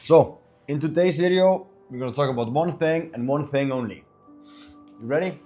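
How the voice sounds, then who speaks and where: A man's voice: on the high side, normal speed, music in the background. A young man from Iceland who talks casually to the camera about starting businesses, rambling with lots of fillers and restarts. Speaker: entrepreneur sharing business advice. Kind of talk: casual talking-to-camera advice.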